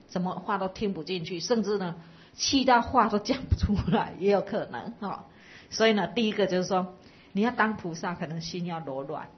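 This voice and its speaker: A woman's voice: mid-range voice, lo-fi sound, slight background noise. A woman Buddhist teacher giving a dharma talk to a live audience, explaining patiently and asking listeners to reflect.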